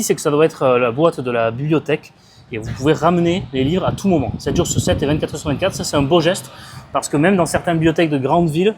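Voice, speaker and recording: A man's voice: a little high, slight background noise. A middle-aged man from France, chatting casually and enthusiastically as he browses village book boxes outdoors, filming with a handheld camera. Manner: chatty, enthusiastic, often excited by finds. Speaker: book vlogger. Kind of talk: casual walking vlog.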